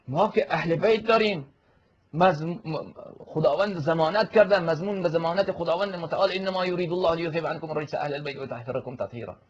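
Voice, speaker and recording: A male cleric giving a forceful, polemical religious lecture, answering a questioner and quoting Arabic scripture. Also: fairly high pitch, husky, dull audio.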